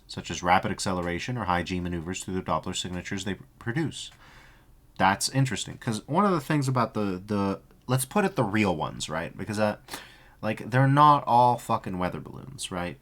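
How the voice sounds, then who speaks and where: A man with a lowish voice reads a dense report into his desk mic in a flat, steady way. Every so often he breaks off to swear and joke with a co-host. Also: brisk. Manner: reads report text flatly, breaks off for profane jokey asides. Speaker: streamer. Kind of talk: casual stream commentary reading a report aloud.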